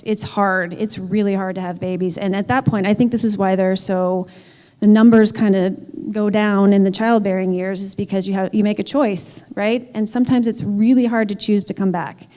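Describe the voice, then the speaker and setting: A woman's voice: mid-range voice, mellow. A woman team executive speaking candidly and emphatically on a panel, with frequent filler words. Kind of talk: panel discussion. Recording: long hall reverb.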